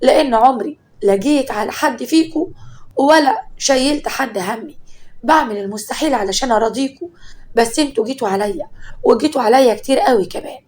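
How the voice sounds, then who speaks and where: A woman with an Egyptian accent voicing a wronged young wife, quick and tearful. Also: high voice, darkish tone, natural voice. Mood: sorrowful.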